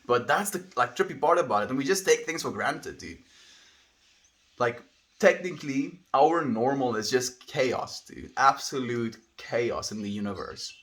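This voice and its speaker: A live streamer with a South African accent chats casually with viewers, reading their comments, rambling through musings and calling them "dude" and "friend." His medium-pitched voice is fairly bright, with lively intonation at a measured pace.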